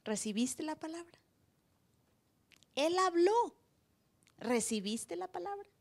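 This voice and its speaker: A woman pastor preaching a sermon live in church, acting out voices with sudden loud cries. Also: very high voice, big pitch swings, slow.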